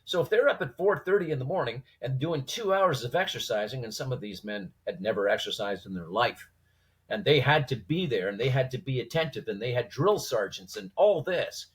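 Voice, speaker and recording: Slightly husky man telling stories. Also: medium pitch, lively intonation, brisk, poor audio. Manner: informal, acts out quoted dialogue with rhetorical questions. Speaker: podcast guest, former police trainer. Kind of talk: animated conversational storytelling.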